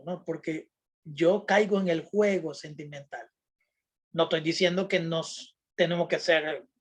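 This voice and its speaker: A man's voice: high voice, slightly rough. A man giving a lecture on critical thinking to a religious group, checking in with his listeners through constant tag questions and plain everyday examples.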